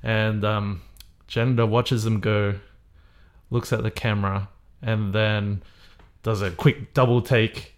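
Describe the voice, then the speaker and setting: A man's voice: lowish voice, flat delivery, slow, long pauses. A man co-hosting a podcast in casual chat, laughing often and poking fun at himself. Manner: laughs often, self-deprecating. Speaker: podcast co-host.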